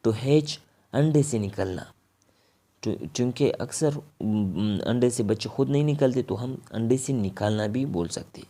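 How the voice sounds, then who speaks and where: A man's voice: medium pitch, warm tone. A man with a Pakistani accent teaching a vocabulary lesson. He says each word, then explains its meaning.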